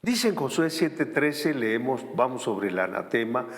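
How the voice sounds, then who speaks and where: Animated preacher in a reverberant hall. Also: male voice, medium pitch, a little slow. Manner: animated preaching with sarcastic asides. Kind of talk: sermon.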